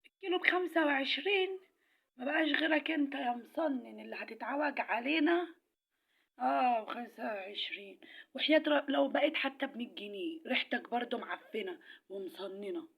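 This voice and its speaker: A woman's voice: a little high, animated, fast, creaky, slightly rough, heavily acted. A woman voicing a sneering male onion that insults a rival vegetable with contempt. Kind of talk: comic voice filter skit. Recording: lo-fi dull filtered sound.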